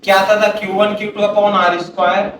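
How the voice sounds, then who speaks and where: High-voiced teacher in an echoey classroom. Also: male voice, level tone, a bit bright. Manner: repeats checks like "clear hai kya baat?", calls students "beta"; slow, drawn-out dictation of terms. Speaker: physics teacher. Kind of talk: classroom lecture mixing Hindi and English. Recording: very echoey room, mic far off, faint hiss.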